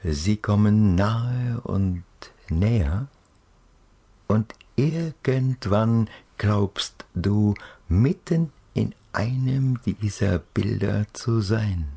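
Narrating a children's guided relaxation, this man speaks in a lowish, husky, breathy voice. His delivery is dreamy and calming, broken by gentle pauses.

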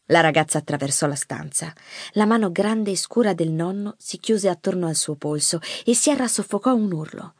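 A woman narrating an audiobook in an expressive, measured storytelling manner. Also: fairly low pitch, no room sound. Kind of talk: scripted narration. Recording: dry close studio mic.

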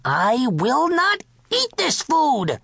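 A man's voice: on the high side, wildly swooping pitch, takes it slowly, gravelly, slightly rough, dry recording, clean studio sound, exaggerated voice. A man voicing a spoiled, petulant young king in a storybook, whiny and bossy. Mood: refusing.

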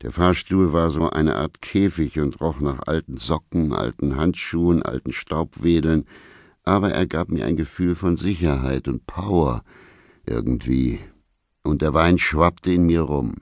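Gruff male storyteller with a very deep voice, laconic and unhurried, dry close sound. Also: dry recording. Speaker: audiobook narrator. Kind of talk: first-person literary narration.

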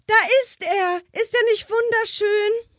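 Woman doing a squeaky-high horse-crazy teen girl, eager and urgent, dry close audiobook sound. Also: animated, moderate pace, pushed and bright, no room sound, full character voice. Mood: thrilled. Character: excited teenage girl, horse-mad daughter.

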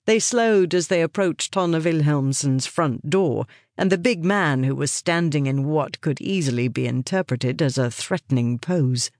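A woman narrating a crime novel in a measured, descriptive reading. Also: low voice, a little mellow, no echo, clean studio sound. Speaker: audiobook narrator. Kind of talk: scripted narration.

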